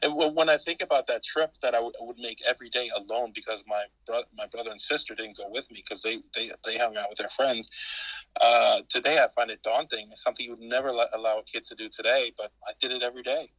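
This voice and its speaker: A man in his fifties, a podcast guest, talking casually and hesitantly in an interview, with many pauses and restarts. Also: mid-range voice, fairly even intonation, a bit bright, slightly rough, dry recording, rough recording.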